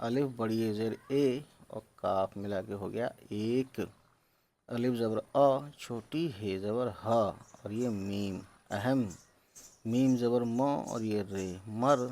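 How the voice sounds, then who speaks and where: Male teacher, slow patient spelling drills, English words slipped in. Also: lowish voice, a little mellow. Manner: slow, patient syllable-by-syllable sounding out; mixes English words into explanations. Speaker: Urdu teacher.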